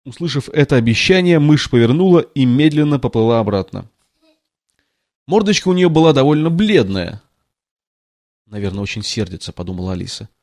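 A man's voice: on the high side, sing-song, fairly quick, darkish tone, no room sound, clean studio sound. A man reading a storybook aloud in a casual way, now and then breaking off to comment on the text. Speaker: reader. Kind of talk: storybook read-aloud with ad-lib asides.

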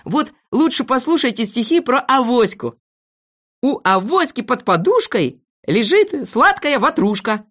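A cheeky, boastful little boy from a storybook, chattering excitedly in a high, bouncy voice that leaps up and down, as a woman puts him on. He pushes every line out loud and eager. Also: unhurried, full character voice.

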